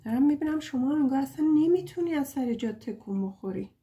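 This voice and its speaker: Her voice sits high, warm in tone, with lively intonation. This young tarot reader keeps things casual and chatty, playfully poking fun at herself while affectionately begging her audience along.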